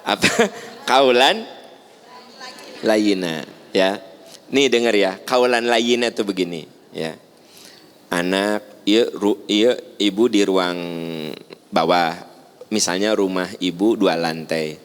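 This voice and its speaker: A man's voice: lowish voice, slow pace, long pauses, clean tone. A man with a Sundanese accent giving a religious lecture, acting out family scenes with playful humor. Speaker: preacher.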